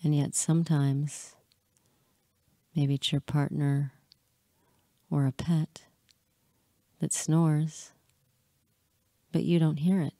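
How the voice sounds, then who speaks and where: Leading listeners through hypnosis, a woman talks in a soft-toned, low and relaxed way, very slow and soothing, with pauses between brief phrases. The recording is dry and close, with no room around her.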